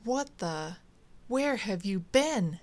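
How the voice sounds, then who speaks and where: A woman's voice: mid-range voice, expressive, slow pace. A woman voicing an agitated, stern man who keeps demanding answers in a read-aloud story. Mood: upset, demanding. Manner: demanding, upset questioning.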